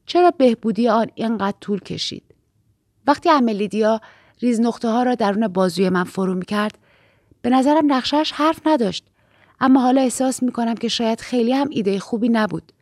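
A woman reading a first-person novel aloud as an audiobook narrator, in a measured, steady storytelling manner. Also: a little high, no echo, studio quality.

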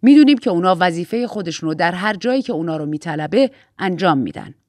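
A stern elderly woman who leads an order of aunts, as a woman reader puts her on. She speaks in a slightly lowered, solemn and formal tone, like an official at a ceremony. The recording is close and dry. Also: animated, a little mellow, dry recording, close to an everyday voice.

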